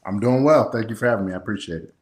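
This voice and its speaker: An American man from Kansas City, Missouri, a personal development coach appearing as an interview guest, explains himself in a conversational, straightforward way. His voice is on the low side and very fast, and the recording sounds roomy and echoing.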